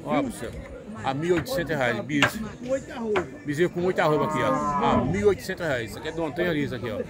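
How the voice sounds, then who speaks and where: Speaking fast, with a fairly high, expressive voice, a man from Northeast Brazil strolls through outdoor cattle pens. He's a vlogger filming a cattle market on his phone, chatting casually with viewers and calling out prices as he walks. The busy market's crowd noise fills the background.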